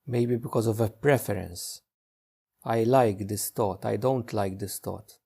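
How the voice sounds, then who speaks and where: A meditation teacher leads a guided session, giving gentle, unhurried instructions with long pauses. His voice is lowish and slightly rough, with vocal fry.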